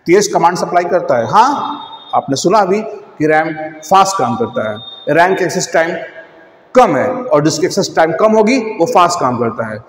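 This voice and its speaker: Male computer teacher, high voice, lecture with rhetorical questions, echoey room with long reverb. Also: fairly bright tone. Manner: rhetorical questions, repeats points. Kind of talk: classroom-style lecture.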